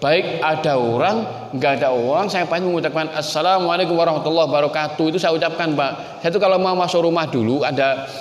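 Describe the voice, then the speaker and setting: A man's voice: fairly high pitch, quick pace. A male preacher with a Javanese accent, giving a folksy sermon and talking straight to his listeners. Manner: folksy, addresses listeners as Pak and Bu, mixes in Javanese. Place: mosque or community hall. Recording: echoey hall with long reverb.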